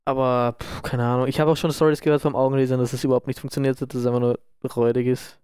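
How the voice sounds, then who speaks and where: A man's voice: mid-range voice, flat delivery, racing, a little mellow, clear, resonant tone, no echo, clean studio sound. A man, a podcast co-host, chatting casually and mocking himself. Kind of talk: casual chat.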